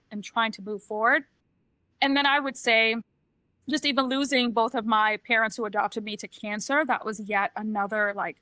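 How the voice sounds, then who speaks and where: A middle-aged woman who grew up in Trinidad and Tobago talks through her life story on a podcast, candid and reflective. Her voice is bright and sits a little high. The sound is dry and close, with no room around it. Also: dry recording. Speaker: podcast co-host, transition coach. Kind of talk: casual podcast chat.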